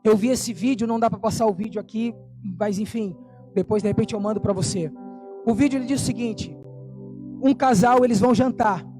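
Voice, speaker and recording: A man preaching a sermon, fervent and emphatic, slowing down on key phrases and telling a story. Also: sits high, warm tone, soft background music.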